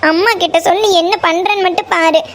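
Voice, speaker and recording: A shrill, very high-pitched cartoon village girl voiced by a woman with a Coimbatore Tamil accent. She is quick to anger and rattles off insults, and her voice sits far above an ordinary speaking voice. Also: steady tone, fairly bright tone. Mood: furious. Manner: scolding, hurls insults. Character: sharp-tongued young village girl, hot-tempered. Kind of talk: cartoon voice acting.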